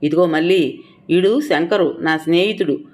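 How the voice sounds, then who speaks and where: In this storybook reading, a bossy, hard-drinking village husband , played by a woman narrator, talks rough and commanding. He claims what he wants with blunt, heavy-handed words. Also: lowish voice, a little slow, a little mellow, lightly acted. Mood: boozy welcome. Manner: rough, commanding rural speech. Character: drunk, domineering village husband, male.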